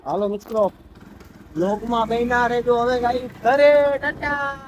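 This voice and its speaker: A man's voice: extremely high pitch, fairly bright tone. Guy vlogging on his phone outside, playful singsong baby talk to a kid, bit of street noise. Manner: playful, sing-song baby talk to the child, then chatty sign-off to viewers. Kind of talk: casual vlog talk with a small child and viewers.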